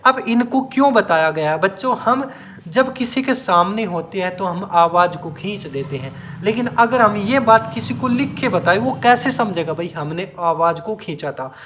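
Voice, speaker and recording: A man's voice: high-pitched, lively intonation, normal speed, background noise. A man teaching a grammar lesson to exam students, drilling them with repeated questions and answers and stretching sounds out to demonstrate. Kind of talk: classroom-style video lesson.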